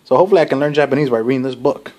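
A man reviewing a comic book in a loose, rambling way, cursing freely and laughing between thoughts. His voice sits at an ordinary middle pitch and jumps up now and then when he gets excited. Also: very fast. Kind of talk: casual spoken review.

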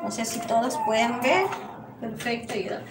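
A woman's voice: on the high side, fairly even intonation, measured pace. A woman from Ecuador with an Ecuadorian Spanish accent, teaching a live sewing lesson in a small workshop and often checking in with "¿sí?" between blessings. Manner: warm blessings and greetings, frequent "¿sí?" check-ins. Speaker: sewing instructor. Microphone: lapel mic on a camera set back. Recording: echoey room, distant mic, noisy.

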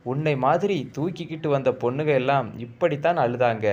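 A man's voice: mid-range voice, fairly quick, a little mellow, lo-fi sound, close to an everyday voice. A man voicing a callous male driver who mocks the woman he lured. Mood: scornful.

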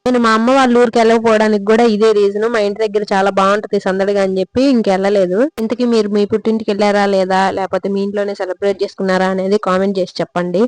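A woman's voice: medium pitch, darkish tone, no room sound, poor audio. A woman vlogger chatting through a casual voice-over and talking straight to her viewers. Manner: chatty, addresses viewers directly.

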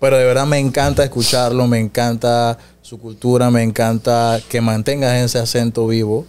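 Playful Panama City interview host. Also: male voice, medium pitch, flat delivery, moderate pace, darkish tone, clear, resonant tone. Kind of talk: casual interview.

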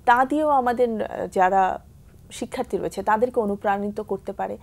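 A woman with a Bangladeshi Bengali accent hosting a TV talk show, asking questions in a polite, measured way. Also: mid-range voice, vocal fry. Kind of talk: studio interview.

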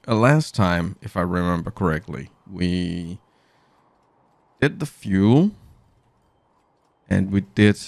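A man's voice: low-pitched, creaky, darkish tone, no echo. A man rambling chattily to his viewers during a casual live game stream, speaking into a studio mic through a mixer. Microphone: studio mic through an audio mixer.

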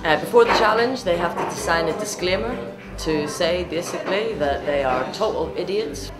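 A woman's voice: lowish voice, expressive, normal speed. A woman in her thirties explaining an event to camera in an interview, as a barbecue caterer. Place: small indoor pub room. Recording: roomy, loud music behind.

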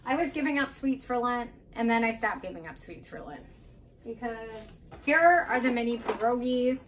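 A woman's voice: on the high side, animated, normal speed, distant mic, slight background noise. A woman in her thirties chatting casually and candidly through her groceries in a home kitchen. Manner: chatty, candid, self-deprecating asides. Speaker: vlogger. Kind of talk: casual grocery haul chat. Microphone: camera mic at a few feet.

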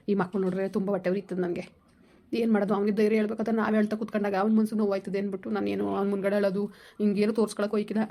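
A man's voice: sits high, darkish tone. A man, talking with his wife in a casual family chat, earnest and lamenting. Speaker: husband in a family vlog. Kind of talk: casual heartfelt family talk.

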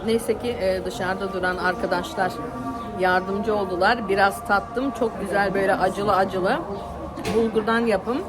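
A woman's voice: mid-range voice, fairly even intonation, measured pace, loud music behind the voice. A woman vlogger chatting casually as she shows what she finds while out and about. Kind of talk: casual vlog chat. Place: outdoor market and open-air seating. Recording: very noisy busy outdoor street.

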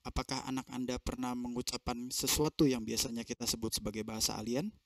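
A man's voice: mid-range voice, little pitch movement, quick pace, no echo, clean studio sound. Man interpreting a seminar over a video call. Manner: translates in phrases with fillers and self-corrections. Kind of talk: consecutive interpretation.

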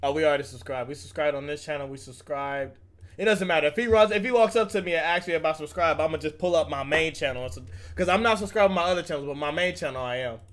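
A man's voice: on the high side, fast talker, a bit bright. A man streaming live, reacting to a video with casual, profane, mocking commentary.

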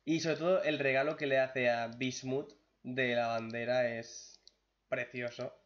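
A young man from Spain with a Spanish accent, giving casual reaction commentary, excitable and swearing freely. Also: mid-range voice, measured pace, highs cut off. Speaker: reaction youtuber.

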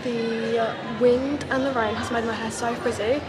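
A young woman vlogger talks into a handheld camera held close to her face, her voice on the high side with a steady tone and measured pace. She's chatty and scatters fillers like "like" everywhere, while loud background noise fills the recording.

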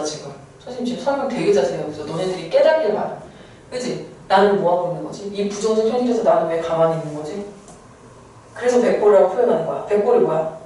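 A woman teaching a poem in a chatty, playful lecture, firing quick questions at her students. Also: medium pitch, dark tone, a little hiss or hum. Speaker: Korean literature teacher. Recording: echoey room heard from a distance.

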